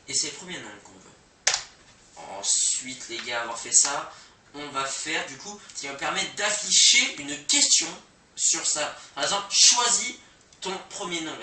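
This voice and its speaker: A young man talks through a coding lesson in a loose, slangy way, full of fillers and self-mockery. His voice is bright and sharp, with lively pitch swings. It sits far from a cheap mic in a roomy, echoey space. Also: a little hiss or hum. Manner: slangy, rambling, self-deprecating, many fillers. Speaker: coding tutorial host. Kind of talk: casual screen-recorded coding lesson. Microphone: cheap microphone. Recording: poor mic, echoey room, distant.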